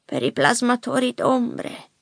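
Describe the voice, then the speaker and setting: A frail old grandfather pleads in slow, halting bursts, as a woman narrator puts him on. His voice is gravelly and breathy, pitched rather high for an old man, and recorded dry and close for an audiobook. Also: very animated, no room sound, full character voice. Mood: urgent pleading. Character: frail old grandfather after a stroke, urgent. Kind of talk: audiobook character voice. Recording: dry close studio mic.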